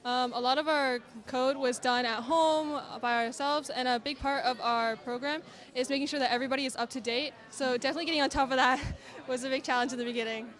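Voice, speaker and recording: A woman answering questions as a student in a relaxed, conversational way. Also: high voice, brisk. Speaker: student presenter.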